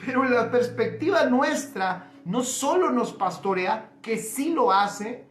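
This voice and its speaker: A woman preacher, slowly and emphatically teaching from a Bible passage, repeating key phrases and speaking straight to her listeners. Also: fairly high pitch, lively intonation. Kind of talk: sermon, Bible study. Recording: echoey room.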